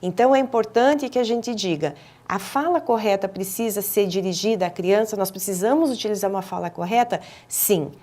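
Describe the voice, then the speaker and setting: A woman with a Brazilian Portuguese accent, a speech therapist answering interview questions in a didactic way, often pausing on hesitant fillers and restarting phrases. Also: mid-range voice, dark tone. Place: television studio.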